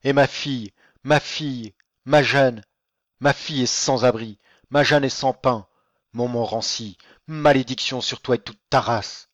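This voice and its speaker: A man's voice: lowish voice, steady tone, a little slow, fairly bright tone, dry recording, voice pushed down. A man reading an audiobook, voicing an old ruined nobleman, a proud and despairing father, in a declamatory tone. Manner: declamatory, grieving.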